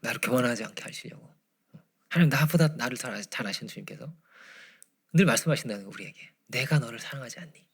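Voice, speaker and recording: A man preaching a Friday prayer-meeting sermon, swinging from loud emphasis to hushed near-whispers. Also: medium pitch, lively intonation, fast, long pauses, breathy edge. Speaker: pastor. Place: church.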